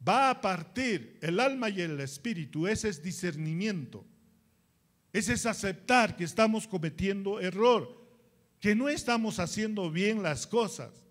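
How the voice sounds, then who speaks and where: Male pastor, Peruvian Spanish accent, high voice, unhurried emphatic preaching with rhetorical questions. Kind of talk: sermon.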